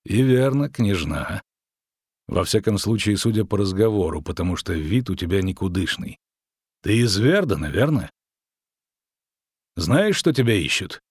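A gruff grown monster hunter with a low voice speaks in curt, blunt lines, scolding and dry, as an audiobook reader plays him. The recording is close and dead, with no room around it. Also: male voice, very animated, measured pace, long pauses, no room sound, heavily acted. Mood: mocking.

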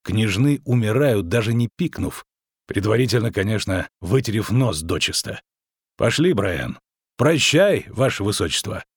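A gruff grown monster hunter with a low voice speaks in curt, blunt lines, scolding and dry, as an audiobook reader plays him. The recording is close and dead, with no room around it. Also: male voice, animated, normal speed, no room sound. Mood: mocking.

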